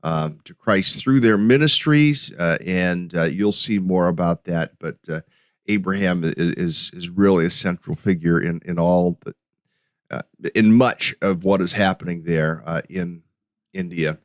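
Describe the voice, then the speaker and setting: A middle-aged man with a very low, deep voice talks through a casual solo podcast. His delivery is halting and full of restarts and fillers, recorded close and dry with no room sound. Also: no room sound. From United States. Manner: hesitant, many restarts and fillers. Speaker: podcast host.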